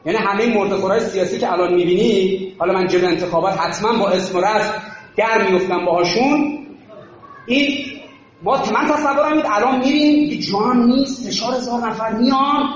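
A man giving an impassioned sermon that mixes stories with shouted refrains and drops to low, quiet asides. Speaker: religious political speaker. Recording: very echoey, muffled hall recording.

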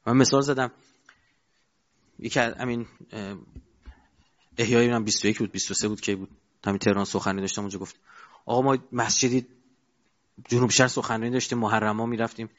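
Man preaching a lively sermon, lo-fi. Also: medium pitch, pauses often. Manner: asks the audience rhetorical questions, shifts between loud and quiet. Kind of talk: colloquial sermon with anecdotes. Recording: dull lo-fi recording.

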